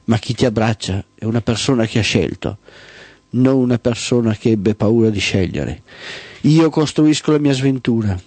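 A man telling a dark mythic story in a solemn, incantatory way, with sudden high cries on repeated words. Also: dry recording. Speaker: narrator.

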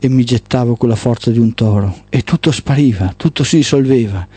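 A man's voice: mid-range voice, fairly quick, warm tone, slightly rough, no echo. A man narrating a dramatic mythic story in the first person, with solemn, rhythmic, repetitive phrasing.

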